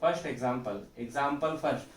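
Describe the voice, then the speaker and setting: A man's voice: medium pitch, a little fast. A male chemistry teacher giving a classroom lecture, asking questions and answering them himself and repeating key terms. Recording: echoey room, mic far off.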